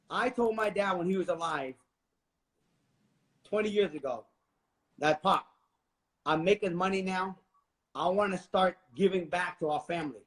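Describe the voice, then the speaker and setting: A Vietnamese real estate investor in his forties appears as a guest in a motivational interview, speaking in a high-pitched voice. He's emphatic and preachy, often addressing the listeners directly.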